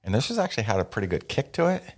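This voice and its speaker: A man's voice: lowish voice, sing-song, very fast. A man hosting a casual podcast, chatting in a joking, self-deprecating, rambling way. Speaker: podcast host. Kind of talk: casual chat.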